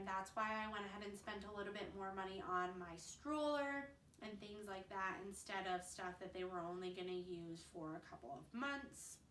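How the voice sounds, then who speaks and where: A young woman, a mother of twins, talking fast and earnestly to camera in a casual advice vlog. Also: medium pitch, fairly bright tone, slight background noise. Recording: roomy, slightly distant mic.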